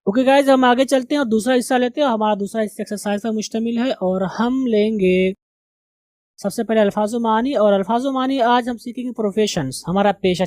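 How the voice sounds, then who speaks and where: A man teaching English as a classroom lesson, slowly and deliberately drilling the pronunciation of words. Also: sits high, a little mellow, dry recording.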